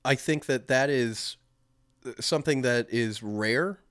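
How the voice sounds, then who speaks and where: A man's voice: medium pitch, takes it slowly, fairly bright tone, smooth, dry recording, clean studio sound. A young man co-hosting a podcast, telling stories in a rambling way with lots of fillers. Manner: rambling, filler-heavy storytelling. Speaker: podcast co-host. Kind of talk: casual chat.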